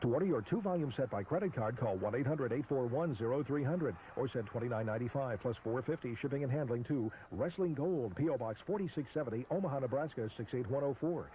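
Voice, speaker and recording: A man with a dark, mellow voice at an average pitch reads infomercial ordering details from a script. It has the sound of an old TV ad with faint noise. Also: animated, fast, few pauses, rough recording. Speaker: commercial announcer.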